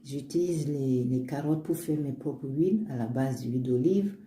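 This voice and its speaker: This woman has a very deep, dark-toned voice and speaks at a moderate pace. Her first language is African, and in a casual vlog she shows her homemade oils, alternating English and French, earnest and upbeat, often restarting and speaking of faith. Faint ambient noise fills an echoey room.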